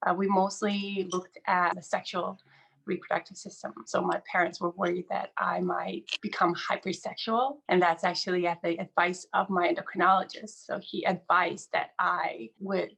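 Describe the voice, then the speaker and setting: A woman's voice: lowish voice, flat delivery, normal speed, creaky, fairly bright tone, husky, poor audio. A woman in her thirties from British Columbia, speaking as a panelist in a hesitant, conversational way. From British Columbia, Canada. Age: 30s. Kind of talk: casual discussion.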